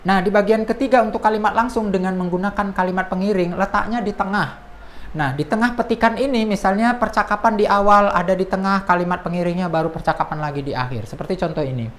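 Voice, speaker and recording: A woman's voice: mid-range voice, quick pace. A woman teacher explaining a lesson in an explanatory way, sometimes reading quoted lines in a raised voice. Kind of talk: classroom lesson.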